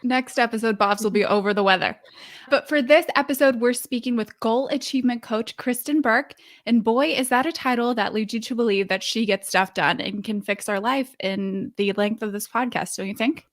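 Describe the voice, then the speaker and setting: A woman's voice: on the high side, moderate pace, hardly any pauses. Playful woman podcast host. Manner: playful, teasing. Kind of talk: casual podcast chat.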